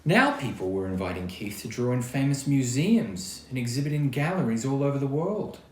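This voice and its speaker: Reading a kids' picture book at a brisk clip, this mid-voiced man acts out the characters' lines and drops in friendly side comments. The recording has a roomy echo and some faint noise behind him.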